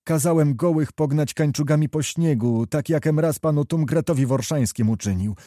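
A man's voice: fairly high pitch, moderate pace, warm tone, no room sound, clean studio sound, voice pushed up, lightly acted. A man reading a novel aloud, voicing a hot-tempered, boastful young nobleman soldier who talks in a swaggering, defiant way. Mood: pleading. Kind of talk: audiobook character reading.

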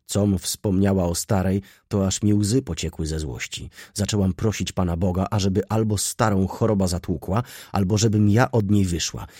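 A man's voice: deep voice, mellow, husky, no echo, studio quality. A man voicing a cynical, poor nineteen-year-old girl who talks in a pert, mocking, argumentative way.

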